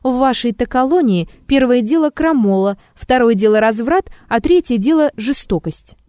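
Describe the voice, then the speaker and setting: A woman's voice: fairly high pitch, lively intonation, moderate pace, darkish tone, dry recording, clean studio sound, natural voice. A woman voicing a sneering insolent blackmailer. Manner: sneering and rude. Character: insolent, mocking male blackmailer.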